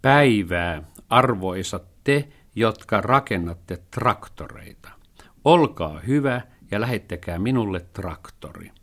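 A man's voice: lowish voice, lively intonation, a bit bright. A man voicing a cheerful, earnest young boy in a storybook reading. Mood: polite.

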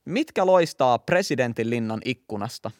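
A man's voice: medium pitch, lively intonation, darkish tone, dry recording, clean studio sound. A young man co-hosting a podcast, chatting casually and trading crude jokes in a playful, teasing way. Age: young adult. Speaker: podcast co-host.

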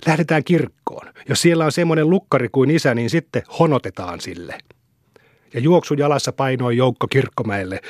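A man's voice: slightly rough, no room sound, studio quality. A man reading a classic novel aloud as an audiobook narrator, telling the story steadily. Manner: steady storytelling, lifts pitch for the boys' quotes. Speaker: audiobook reader.

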